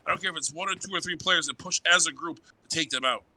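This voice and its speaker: A man with a fairly high-pitched voice talks quickly, working as an esports analyst who dissects team play in a live, coaching tone. It's live game commentary, with game gunfire and engine noise running beneath his voice.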